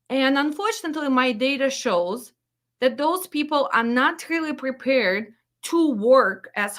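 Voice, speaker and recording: A woman with a Ukrainian accent and a high, fairly bright voice speaks directly to camera as a freight dispatch trainer. Her instructional talk is blunt and emphatic, in slightly broken English, and she repeats her instructions.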